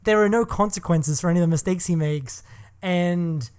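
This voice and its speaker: A man's voice: high-pitched, normal speed, a little mellow, smooth. A man co-hosting a film podcast, giving long, opinionated critiques in casual talk and swearing often.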